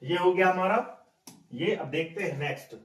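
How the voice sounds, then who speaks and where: A man with a high voice teaches a spoken English lesson, repeating each word and quizzing his listeners again and again. He sounds set back from the microphone in an echoey room. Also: normal speed, fairly bright tone. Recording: echoey room, mic at a distance.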